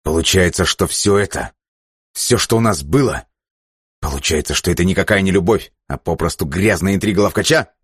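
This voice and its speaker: A man reading an audiobook voices a furious, ruthless male leader who barks orders in a raised, sharp voice. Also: very deep voice, a little fast, slightly rough, dry recording, clean studio sound.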